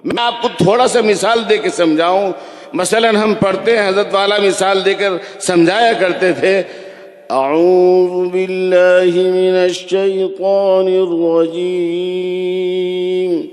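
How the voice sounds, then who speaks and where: A man preaching a sermon in a mosque, telling stories and slowly chanting recitation examples. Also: sits high. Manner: storytelling, slows to chant Quran recitation examples. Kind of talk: religious sermon. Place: large echoing mosque hall. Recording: echoey hall reverb.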